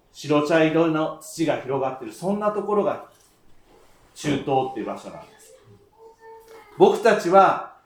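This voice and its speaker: Male preacher, fairly high voice, animated, talks straight to the congregation, roomy church echo. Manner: animated, speaks to the congregation and slows down on scripture. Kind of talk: sermon.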